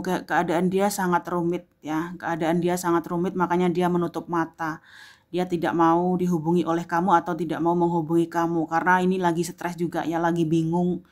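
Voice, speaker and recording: A woman giving a casual tarot reading to the viewer, rambling and repeating herself, with many filler words. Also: on the low side. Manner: rambling, repetitive, fills gaps with "ya" and "gitu loh". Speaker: tarot reader.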